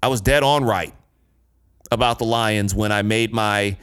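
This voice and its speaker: A man's voice: fairly low pitch, measured pace, a bit bright, clear, resonant tone. A man from the United States hosting a solo podcast in a casual, slangy, emphatic way, repeating phrases for effect. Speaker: podcast host. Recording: music behind the voice. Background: music.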